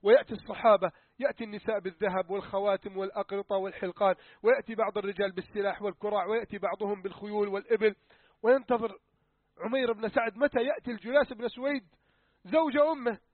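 Male preacher, rapid dramatic sermon storyteller, loud one moment and hushed the next, thin phone-line sound. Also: high voice, fairly even intonation, dry recording. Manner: emphatic, swings between loud urgency and hushed tones. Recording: tinny phone-like dry recording.

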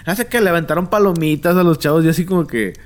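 A man's voice: a little high, fast talker, a little hiss or hum. Slangy Mexican man telling stories. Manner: slangy, animated storyteller acting out quotes. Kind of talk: casual chat.

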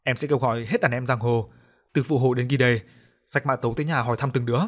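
A man voicing a brash, hotheaded young militiaman who shouts rowdy threats in an audio story. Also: medium pitch, fairly even intonation, quick pace, lightly acted. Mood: furious. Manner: loud and rowdy.

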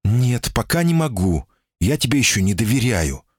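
A man's voice: mid-range voice, very animated, normal speed, breathy edge, no room sound, clean studio sound, pitched above the performer's own voice. A man voicing a timid, guarded female golem in human shape, anxious and pleading, in an audiobook reading. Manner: anxious, pleading, often cries out.

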